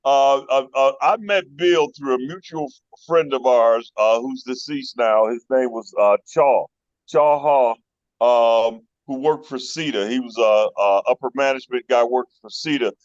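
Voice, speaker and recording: A middle-aged man from Chicago's North Side joins a group call as a guest, speaking in a mid-pitched voice at a measured pace. He's a friendly storyteller who rambles through casual phone chat, dropping in plenty of fillers. The audio sounds a bit dull, typical of a call.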